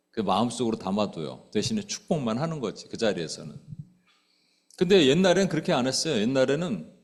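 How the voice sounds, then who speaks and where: A middle-aged man preaching in a conversational way, his pitch rising and falling widely as he questions the congregation. He acts out quoted speech with abrupt loud outbursts, then drops back to a low aside. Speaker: pastor. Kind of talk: sermon. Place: church sanctuary.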